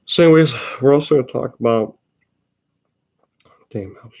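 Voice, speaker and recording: A teenage boy from Michigan talks with an Upper Midwest American accent. He hosts a loose, rambling vlog and keeps interrupting himself, filling the gaps with filler words. His pitch sits right in the middle of the range for a young man. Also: normal speed, darkish tone. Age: teens. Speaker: racing channel host. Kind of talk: casual rambling vlog talk.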